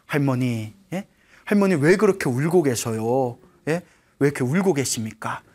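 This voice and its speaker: Wise senior monk, calm, courteous, lower voice, played by a nun telling a story. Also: female voice, normal speed. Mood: gentle.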